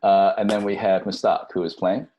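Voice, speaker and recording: A low-pitched man runs a tabletop role-playing session over a video call. He jokes easily and pads his lines with relaxed fillers. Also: normal speed, lo-fi sound. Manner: relaxed, joking, hesitant fillers. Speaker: dungeon master.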